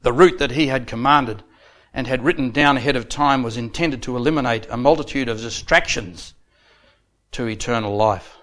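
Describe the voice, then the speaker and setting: A male preacher reading scripture and delivering a sermon, rising to loud emphatic phrases and dropping back low. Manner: builds to loud emphatic peaks, then drops low and soft; reads scripture aloud in measured cadence.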